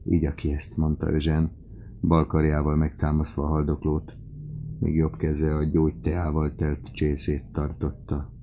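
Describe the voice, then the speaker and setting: A man narrating an audiobook in a measured, steady way. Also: extremely low pitch, phone-quality sound, a little hiss or hum.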